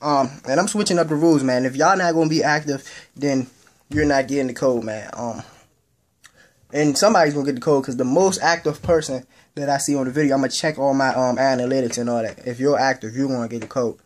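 A man's voice: medium pitch, steady tone, fast. A young man hosting his own gaming channel, giving a rambling casual update in loose slangy speech that repeats itself. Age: young adult.

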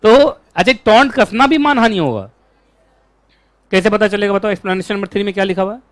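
A man teaching a law class, lecturing in an animated way and asking his students questions all the time. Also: sits high, quick pace, no echo.

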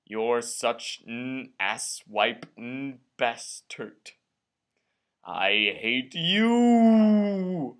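Stretching out words for effect, a young man gives an emphatic, dramatic performance of a letter inside a room with a drop-tile ceiling. His medium-pitched voice is expressive throughout.

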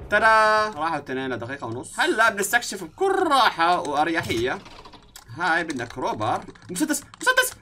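This gaming YouTuber is a young man with a Levantine Arabic accent doing let's-play commentary. He's excitable, swinging between yelling and muttering to himself, in a fairly high voice with a slight hiss or hum on the recording.

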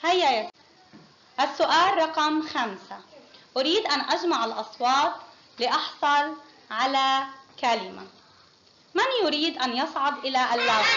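High-voiced woman teaching kindergarten phonics. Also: fairly bright tone. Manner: patient, praising, quizzing pupils one by one. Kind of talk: classroom phonics lesson. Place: classroom. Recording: muffled lo-fi with faint noise.

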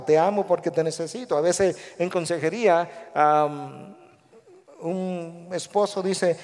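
A male pastor with a Guatemalan Spanish accent preaching a sermon in a large church, animated, acting out the voices he quotes. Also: on the high side. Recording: long echo of a large church hall.

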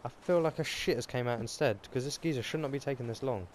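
A young man, chatting casually while playing a game, swearing a lot and breaking into excitable outbursts. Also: mid-range voice, fast talker, a little hiss or hum. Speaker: gaming host. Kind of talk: casual gameplay chat.

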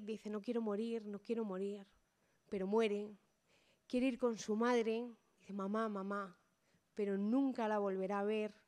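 A woman's voice: medium pitch, a little mellow. A woman lecturer, giving an informal, thoughtful talk with many hesitations. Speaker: humanities lecturer.

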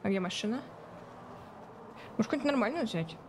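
A woman's voice: fairly high pitch, expressive, fast. Woman vtuber chatting over game noise. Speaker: vtuber streamer playing a video game. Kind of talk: casual livestream gameplay commentary. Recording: game sounds and noise behind voice. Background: video game ambience.

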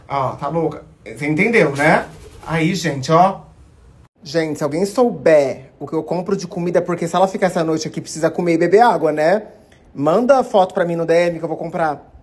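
A young Brazilian man, chatting on casual phone stories and coaxing a pet in a sweet, expressive voice, indoors at home. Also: fairly high pitch. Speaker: influencer. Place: indoors at home, apartment rooms. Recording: echoey room.

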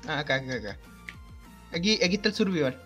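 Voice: medium pitch, big pitch swings, quick pace, fairly bright tone, breathy edge, soft background music. A gamer, chatting casually with a friend, giggly and narrating what is on screen. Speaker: gaming friend. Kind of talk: casual gaming chat.

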